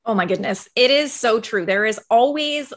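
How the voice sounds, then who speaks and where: A woman's voice: on the high side, lively intonation, normal speed. A woman co-hosting a podcast, chatting casually and agreeing with her co-host. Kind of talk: casual chat.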